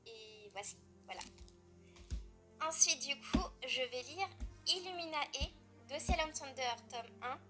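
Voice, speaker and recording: A chatty French woman with a slightly high voice talks about her books. She rambles, fills pauses and corrects herself mid-sentence. Music plays clearly behind her. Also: lively intonation. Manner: chatty, rambling, with frequent fillers and self-corrections. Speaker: book vlogger. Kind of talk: casual chat.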